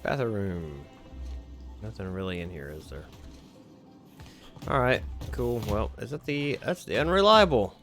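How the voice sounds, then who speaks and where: A man's voice: on the low side, lively intonation, unhurried, long pauses, over music. A man casually commenting while he plays a video game, reading on-screen text aloud with wry asides. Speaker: streamer.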